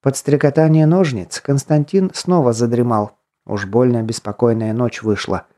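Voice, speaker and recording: A man narrating an audiobook fantasy novel in a steady, measured reading voice. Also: medium pitch. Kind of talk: scripted narration.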